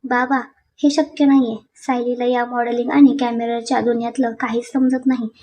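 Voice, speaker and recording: A woman's voice: on the high side, little pitch movement, a little fast, lightly acted. A woman reading an angry arrogant young husband. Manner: sharp, scornful, shouting.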